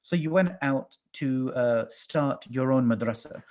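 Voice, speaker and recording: A man's voice: mid-range voice, a little slow, a little mellow. A man in his thirties hosting a video call interview, asking friendly, upbeat questions over a headset. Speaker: host. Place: small indoor room.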